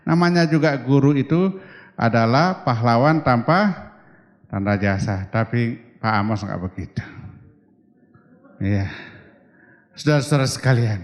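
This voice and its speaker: A man's voice: medium pitch, measured pace, long pauses. An older man from Toraja, a guest preacher, giving a humorous sermon and acting out quoted voices. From Toraja, Indonesia. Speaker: guest preacher and seminary rector. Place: large church hall. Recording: long hall reverb.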